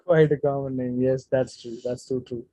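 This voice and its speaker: A man's voice: mid-range voice, fairly even intonation, moderate pace, mellow, dry recording. A man, speaking casually as a guest speaker in a live online session and answering questions from the chat. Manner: casual, chatty, off-the-cuff advice.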